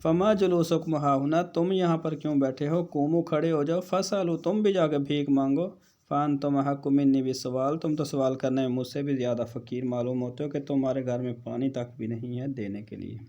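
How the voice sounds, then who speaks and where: A man teaching an Arabic textbook lesson, reading each Arabic line slowly and then explaining it in Urdu with casual teacherly asides. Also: medium pitch, steady tone, mellow, lo-fi sound. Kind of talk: lecture reading and translating Arabic text.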